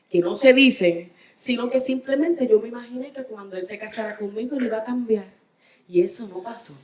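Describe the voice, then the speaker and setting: A woman preacher with a Puerto Rican accent delivering a sermon as dramatic storytelling, swinging between hushed tones and drawn-out, emphatic stresses. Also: a little high, low-quality recording. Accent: Puerto Rican Spanish.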